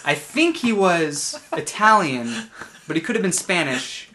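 A young man co-hosting a podcast, chatting casually with wry, deadpan asides. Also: on the high side, unhurried. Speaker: podcast co-host. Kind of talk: casual chat.

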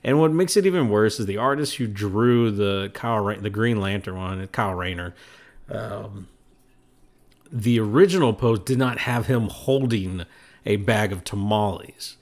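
A man hosting his own podcast, talking alone in a rambling, self-mocking way and laughing at his own jokes. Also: lowish voice. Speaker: podcast host. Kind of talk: casual solo podcast monologue.

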